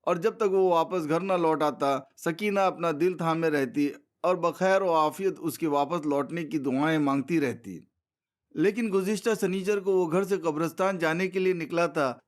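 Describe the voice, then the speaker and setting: A man narrating a literary short story in a measured, formal storytelling manner. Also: sits high.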